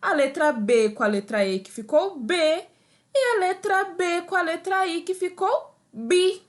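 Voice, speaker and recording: A woman's voice: very high voice, a little slow. A woman teaching an adult literacy lesson over slides, patiently sounding out and repeating syllables for her learners.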